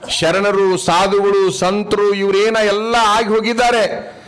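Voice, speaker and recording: A man's voice: sits high, fairly bright tone. A man with a North Karnataka accent giving a storytelling sermon as a swami. He speaks emphatically and repeats phrases in lists. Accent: North Karnataka Kannada. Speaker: swami giving a blessing address.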